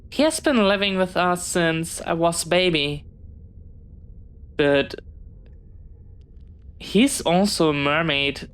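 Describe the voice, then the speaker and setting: A clean, lowish female voice takes its time portraying a young pirate captain's bookworm child in one-sided audio roleplay. Eager for friendship, the character chats in measured, well-spoken phrases touched with hesitance.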